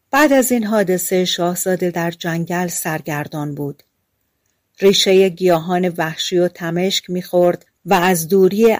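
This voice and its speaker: A woman reads a fairy tale aloud in calm, even storytelling narration. Her voice sits low, and the recording is dry and close, with no room sound. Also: no room sound. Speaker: audiobook narrator.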